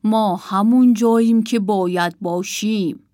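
A woman voicing a wise toy owl who speaks seriously and slowly. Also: medium pitch, steady tone, dark tone, dry recording, studio quality, close to an everyday voice. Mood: solemn. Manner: serious, slow.

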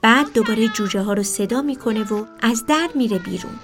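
A woman tells a children's story gently and expressively in a high voice. Music plays clearly beneath her narration.

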